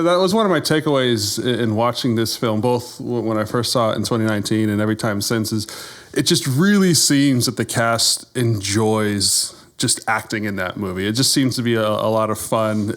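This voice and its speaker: A man's voice: lowish voice, fairly bright tone. A man co-hosting a film podcast, steering a casual chat with enthusiastic questions. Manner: enthusiastic, drives the talk with questions. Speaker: podcast co-host leading the questions.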